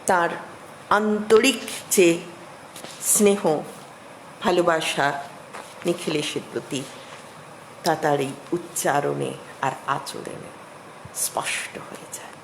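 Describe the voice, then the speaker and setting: Slow, low-pitched woman lecturing. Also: fairly even intonation, a little hiss or hum, rough recording. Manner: measured, explanatory, with emphatic rises. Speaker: literature professor. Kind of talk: academic lecture.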